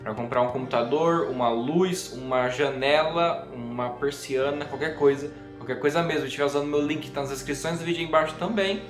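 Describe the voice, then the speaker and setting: Fast-talking young Brazilian man, higher-pitched voice. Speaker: book vlogger. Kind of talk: casual chat to camera. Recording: echoey room with faint music.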